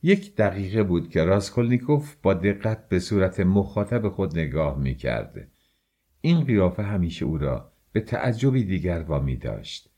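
A male narrator reading a classic novel aloud in a measured, expressive storytelling manner. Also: low voice. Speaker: audiobook narrator.

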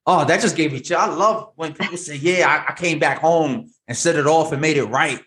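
A man hosting an interview, emphatic and enthusiastic, repeating words and lifting his pitch high when he praises. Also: fairly quick, fairly bright tone, a little hiss or hum. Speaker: show host.

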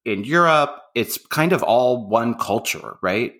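Speaking a little slowly in a bright, forceful mid-range voice, a male podcast host and makeup artist sounds animated. He introduces his guest from a script and then chats casually in interview style, using plenty of fillers.

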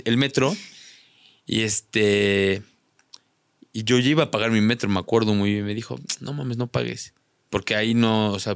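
Animated Mexican man telling a story. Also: medium pitch, no room sound, clean studio sound. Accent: Mexican Spanish. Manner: animated, slangy, acts out quoted voices. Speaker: podcast guest. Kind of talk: casual storytelling.

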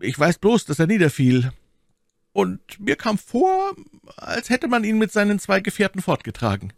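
A gentle, pious musketeer from an adventure story, voiced by a man reading aloud, mild and measured in his telling. The voice moves freely up and down, with a grainy texture, and sounds close and dry. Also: sits high, huge pitch swings, vocal fry, dry recording, pitched above the performer's own voice, full character voice. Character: gentle would-be priest musketeer, mild and polite. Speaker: audiobook reader.

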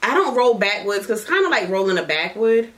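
Bawdy, laughing woman with lively pitch. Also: fairly quick. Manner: loud, laughing, bawdy and playful. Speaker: podcast host. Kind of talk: casual chat while smoking.

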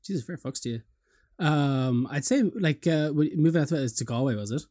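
A man's voice: fairly high pitch, expressive, moderate pace, dark tone. A young man with an Irish accent, interviewing in an informal, jokey, chatty way. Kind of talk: casual interview chat.

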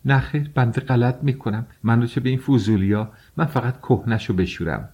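A man's voice: medium pitch, a little mellow, breathy edge, pitched above the performer's own voice. A man reading an audiobook, voicing a self-pitying older mother-in-law who wails and reproaches. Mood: sarcastic. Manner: wailing, reproachful.

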